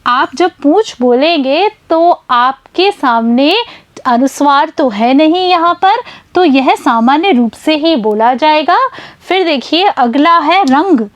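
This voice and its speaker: A woman teacher explaining a grammar lesson to children in a slow, patient way. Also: sits high, lively intonation. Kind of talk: online class lesson.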